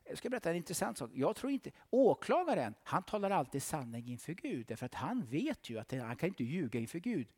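A middle-aged man preaching a sermon dramatically, swinging from loud outbursts to hushed whispers. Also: fairly high pitch, sing-song, few pauses, husky. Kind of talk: animated sermon.

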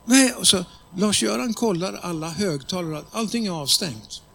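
Male preacher telling a story in a sermon, high husky voice, direct with the audience. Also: lively intonation, sharp tone.

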